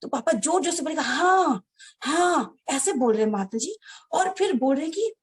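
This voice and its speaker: Woman, high-pitched voice, earnest personal storytelling, frequent restarts, speaks straight to her listeners. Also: big pitch swings, brisk, dark tone. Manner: earnest, addresses listeners as mothers and fathers; many restarts and hesitations. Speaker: devotee sharing a personal experience. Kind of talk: heartfelt personal storytelling to an audience.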